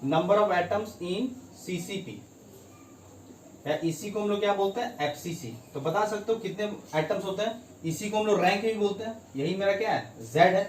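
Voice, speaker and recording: A man's voice: sits high, a little fast, a little hiss or hum. A man teaching a chemistry lesson, constantly asking the class questions and repeating key terms. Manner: keeps asking students quiz questions; mixes in English terms, repeats key phrases. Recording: echoey room, mic at a distance.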